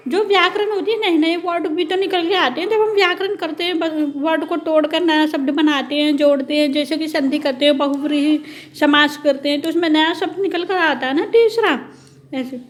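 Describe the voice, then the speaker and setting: High-voiced woman teaching an exam-prep lecture. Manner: reads syllabus points slowly, then speeds up to explain.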